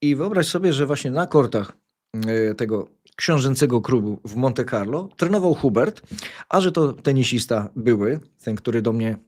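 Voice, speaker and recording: A male tennis commentator chatting casually about matches. His voice sits at an ordinary middle pitch. He rambles, restarting his sentences and filling pauses with hesitations. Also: expressive, a little mellow. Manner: rambling storyteller, many fillers and restarts. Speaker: tennis commentator and show host. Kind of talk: casual sports chat.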